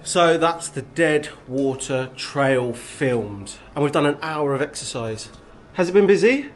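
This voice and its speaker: A man's voice: on the high side, expressive, unhurried, slight background noise. A man from Bedfordshire with an English accent, hosting a casual vlog and chatting to camera. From Bedfordshire, England. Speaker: vlog host. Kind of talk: casual outdoor vlog chat.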